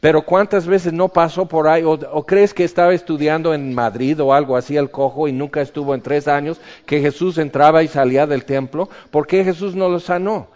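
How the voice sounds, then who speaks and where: A man preaches a sermon, his voice sitting a bit higher than most men's. He teaches in a conversational way, pausing on rhetorical questions and adding casual asides. The recording sounds dull and lo-fi. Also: steady tone, darkish tone.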